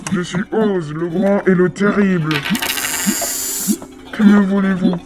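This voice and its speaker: Oz: a young actor voicing a disembodied wizard's voice. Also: male voice, high-pitched, steady tone, slow, background noise. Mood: imposing. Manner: grand, self-important proclamations. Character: hidden wizard's booming disembodied voice from nowhere. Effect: disembodied voice heard from an unseen source. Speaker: student actor in a school radio play. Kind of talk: amateur radio drama acting.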